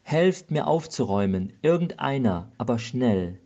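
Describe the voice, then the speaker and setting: A priest voicing a frantic, excited man who shouts high and breathless as he cleans his house for a visitor, in a dull lo-fi recording. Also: slow.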